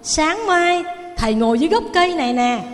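A woman with a Southern Vietnamese accent voicing a calm, wise old male spiritual master who speaks gently and slowly, in a long reverberant hall. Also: high voice, faint music behind. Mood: gentle.

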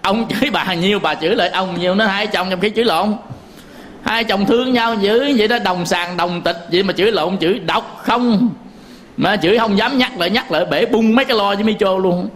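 Brisk, high and a bit bright, a man's voice comes through slight background noise as a Buddhist monk teacher delivers his sermon. He has a Southern Vietnamese accent and tells folksy stories, often chuckling and speaking directly to the listeners.

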